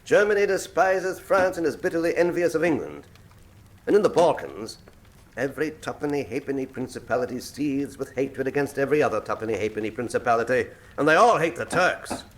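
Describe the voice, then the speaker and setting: An actor playing a suave, pompous criminal professor in a radio drama, speaking in eloquent, deliberate, menacing monologue. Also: male voice, mid-range voice, lively intonation, lightly acted. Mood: grandly lecturing. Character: suave, grandiose male criminal mastermind professor, coolly menacing.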